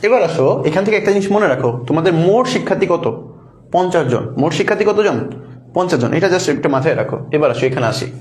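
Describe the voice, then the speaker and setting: A man teaching an online math lesson, patient, repeating each step and quizzing the class, mixing in English words. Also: high-pitched. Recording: echoey room with faint ambience.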